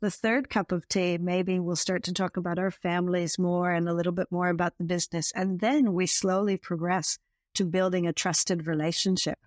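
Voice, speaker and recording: A Canadian woman being interviewed, explaining her work in a fluent, measured way. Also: fairly low pitch, flat delivery, dry recording, clean studio sound. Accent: Canadian English. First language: bilingual English and French. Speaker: guest, marketing consultant. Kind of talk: interview answers.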